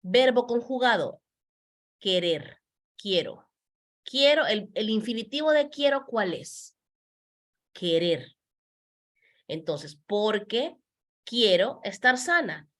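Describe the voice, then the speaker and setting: A woman gives a beginner grammar lesson at an unhurried pace. Her voice moves animatedly up and down as she stresses key words. She repeats examples patiently and slips into English to explain. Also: a little high, animated, a bit bright. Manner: switches between Spanish and English, patient, repeats words slowly. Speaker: Spanish teacher. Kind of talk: slow explanatory language lesson.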